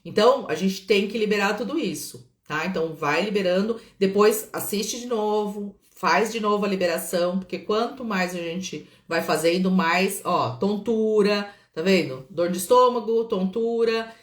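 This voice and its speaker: A woman with a Brazilian Portuguese accent, a therapist leading a calm guided healing session and checking in often with her listeners. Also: medium pitch, moderate pace, hardly any pauses. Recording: roomy echo.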